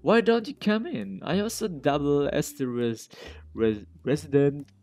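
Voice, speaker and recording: A man voicing a charming, flirtatious demon-like male ship doctor in a game, with grandly courteous, flattering speech. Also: fairly high pitch, measured pace, close to an everyday voice.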